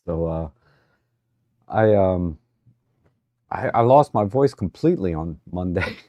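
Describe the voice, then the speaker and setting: A man hosting a casual livestream about deals, his voice hoarse from illness, talking haltingly with many fillers. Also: deep voice, animated, no room sound, highs cut off. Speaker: livestream host.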